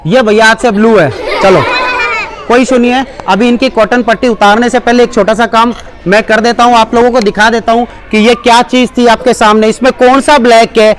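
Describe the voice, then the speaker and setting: Male presenter, high register, coaxing school-demo delivery that mixes in English; light crowd noise. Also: steady tone, fairly quick. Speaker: seminar presenter. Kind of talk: live demonstration speech to a school audience. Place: school seminar hall.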